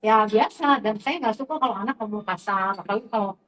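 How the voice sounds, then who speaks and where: A middle-aged Sundanese woman teacher sharing classroom anecdotes in a lively storytelling way, acting out the dialogue. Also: mid-range voice, fairly quick. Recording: distant, dull recording.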